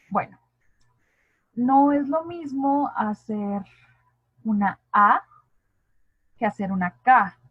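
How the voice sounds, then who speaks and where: A woman's voice: mid-range voice, slightly rough, no room sound. A woman with a Mexican Spanish accent giving an online linguistics lesson, explaining step by step and asking her class rhetorical questions. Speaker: linguistics tutor. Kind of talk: online lecture. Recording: dry, phone-like narrow sound.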